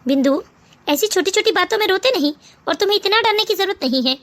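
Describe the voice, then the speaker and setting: A woman voicing a gentle, caring young husband in a cartoon, speaking softly and reassuringly. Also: very high-pitched, lively intonation, fast talker. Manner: soft, reassuring. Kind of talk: Hindi cartoon voice acting.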